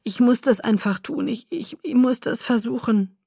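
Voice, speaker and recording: A woman's voice: fairly high pitch, normal speed, gravelly, mellow, slightly rough, dry recording, clean studio sound, voice pushed up. A woman voicing a hot-tempered young man who barely holds back his rage, speaking in tense, clipped bursts. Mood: remorseful.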